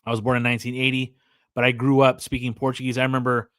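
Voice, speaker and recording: Speaking fast in a flat, mid-range voice with a slightly bright edge, this Californian man in his forties hosts a live podcast stream. He chats loosely, stumbling into restarts and fillers as he reads out the chat. The recording is dry and studio quality.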